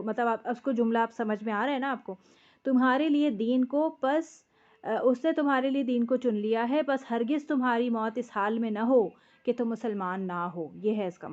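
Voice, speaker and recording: A woman's voice: fairly high pitch, darkish tone, highs cut off. A woman, teaching a word-by-word translation lesson, patiently explaining each word and checking that her students follow.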